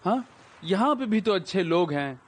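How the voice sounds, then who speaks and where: A lovesick, bookish young man talks in a fairly high voice for a man. His tone is earnest and pleading, clinging to every word he says to her. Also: animated, moderate pace. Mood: persuading. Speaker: dubbed drama lead. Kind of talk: dubbed drama dialogue.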